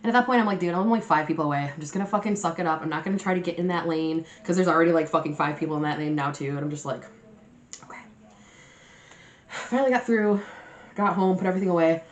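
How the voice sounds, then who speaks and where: A woman's voice: lowish voice, quick pace. A woman hosting a mukbang, chatting casually and slangily to viewers as she eats. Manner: eating messily while talking, mukbang style; sweary, slangy storytelling with acted-out quotes. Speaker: mukbang video host. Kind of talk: casual chat to viewers while eating.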